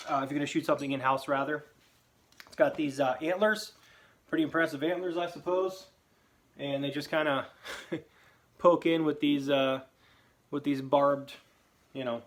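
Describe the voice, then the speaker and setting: A man casually presenting a product review vlog in an echoing basement, rambling and often restarting his phrases. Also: mid-range voice. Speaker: host of a bowhunting video channel. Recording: echoey basement room, noisy background.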